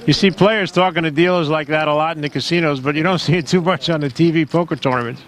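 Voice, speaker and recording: A man's voice: on the high side, quick pace, fairly bright tone. A man calling a poker tournament in a wry, joking commentary style.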